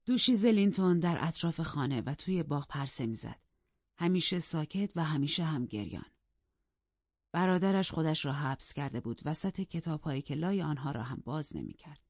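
A woman with a lowish voice reads a novel aloud in a calm, measured way, as an audiobook narrator. The recording is dry, with no room sound, and slightly dull. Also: dry recording.

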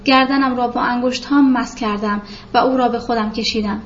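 A woman's voice: a little high, steady tone. Woman narrating a novel, lo-fi. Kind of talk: literary audiobook narration. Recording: dull lo-fi recording with faint hiss.

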